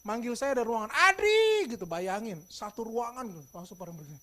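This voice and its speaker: Middle-aged man, preaching, storytelling, acted-out dialogue, soft-to-loud swings. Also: high voice, fast. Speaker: pastor. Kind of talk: sermon.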